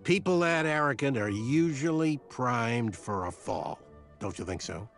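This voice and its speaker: Friendly gossip knight, lively pitch, game dialogue. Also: male voice, measured pace, faint music behind. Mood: gossipy. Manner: chatty, gossipy, polite. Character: friendly male knight, gossipy and well-informed. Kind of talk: video game voice acting.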